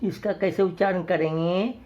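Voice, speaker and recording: A man teaching a recorded primary school lesson, deliberately saying each letter twice so young pupils can copy it. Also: high voice, steady tone, darkish tone. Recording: dull lo-fi recording.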